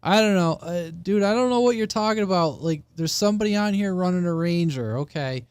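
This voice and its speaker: A man's voice: sits high, brisk, clean tone, no room sound. A man chatting casually and bluntly as a radio operator hosting a live channel.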